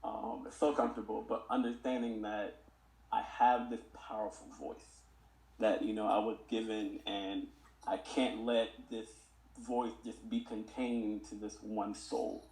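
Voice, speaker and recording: A young man appears as a podcast guest in a reflective conversational interview, speaking earnestly about mentoring kids and reciting lyrics he wrote. His lowish voice is darkish and flat, and he takes his time. The room is echoey.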